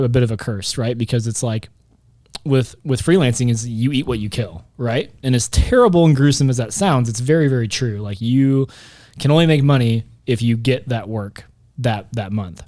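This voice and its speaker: A man's voice: medium pitch, moderate pace, warm tone. A man hosting a podcast in casual chat, joking and rambling, often correcting himself mid-sentence. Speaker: podcast host.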